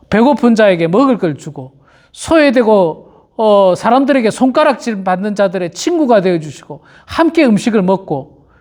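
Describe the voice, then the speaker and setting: A male pastor delivers an early-morning sermon with a lively voice that swings up and down. He keeps circling back to the same phrases and calls out to the listeners over and over. He slips into little voices for the churchgoers he quotes. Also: high-pitched. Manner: repeats key phrases and often addresses the congregation directly.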